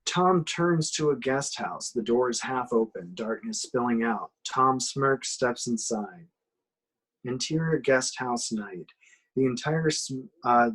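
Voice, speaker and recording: Reading the stage directions of a horror script at a home table read, this man narrates the action one scene after another. His mid-pitched voice is husky yet fairly bright in tone, captured on a low-quality recording.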